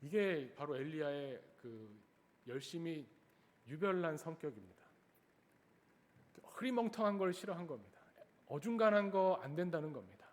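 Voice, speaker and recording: A man's voice: on the high side, animated, normal speed, pauses often. A man preaching a sermon as a pastor, emphatic and full of rhetorical questions. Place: church sanctuary. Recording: echoey church hall.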